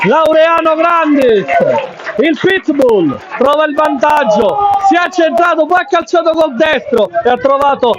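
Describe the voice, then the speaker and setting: A man giving breathless, excited football goal commentary, shouting and drawing out his words. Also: extremely high pitch, dull audio. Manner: excited, drawn-out cries of scorers' names. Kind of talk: live Italian goal commentary, breathless and shouted at big moments. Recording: loud stadium crowd noise behind. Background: loud football crowd.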